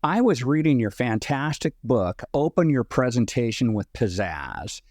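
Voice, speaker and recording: A man's voice: medium pitch, big pitch swings, measured pace, a little mellow, dry recording, studio quality. A man hosting an interview show, an enthusiastic interviewer who often affirms his guest and laughs. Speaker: podcast host. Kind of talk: interview chat.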